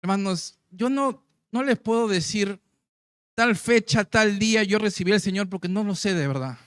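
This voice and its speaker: A man's voice: high voice, moderate pace, clean tone, no echo, studio quality. A man preaching to his congregation, telling his own story and acting out the voices of the people in it. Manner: storytelling, acts out quoted voices. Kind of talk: sermon testimony.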